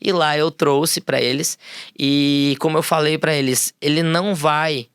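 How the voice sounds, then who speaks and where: A man, a music therapist and school founder, telling stories as a podcast guest in a relaxed way with many fillers. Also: a little high, a little slow, clean tone, no room sound, studio quality. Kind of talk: casual interview storytelling.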